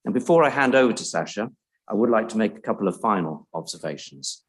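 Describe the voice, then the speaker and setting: A man giving a measured, formal prepared speech at a public event, introducing a report. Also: fairly low pitch, animated, breathy edge, low-quality recording.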